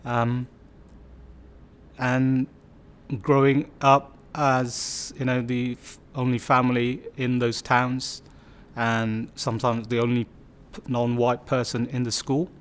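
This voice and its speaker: Speaking slowly in a clear, resonant, medium-pitched voice, this Bangladeshi man in his fifties delivers his life story flatly. He is a community storyteller giving a reflective personal interview, pausing with fillers and frequently starting over.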